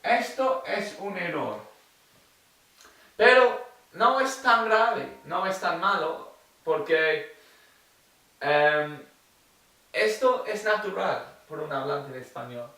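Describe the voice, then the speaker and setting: A man giving an online language lesson as the teacher, explaining slowly and repeating example phrases. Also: sits high, expressive, pushed and bright. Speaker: English teacher. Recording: roomy echo, mic at a distance.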